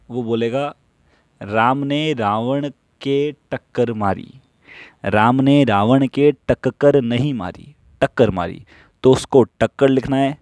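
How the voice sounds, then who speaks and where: A man teaching stenography in a slow classroom style, who asks questions and answers them himself while repeating the rules. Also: medium pitch, a little mellow, dry recording, studio quality.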